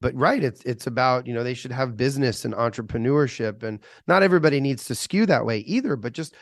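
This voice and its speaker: Host, man with a gravelly voice, rambling and chatty, dry close sound. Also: medium pitch, fast talker, no room sound. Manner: rambling, many fillers and restarts, chatty. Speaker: interview host. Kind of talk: casual interview.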